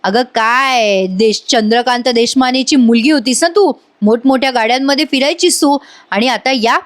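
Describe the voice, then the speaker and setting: An arrogant man sneering and jeering at a woman, drawn out and mocking, as a woman narrator puts him on. The voice stays fairly high. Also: moderate pace, natural voice. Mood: taunting.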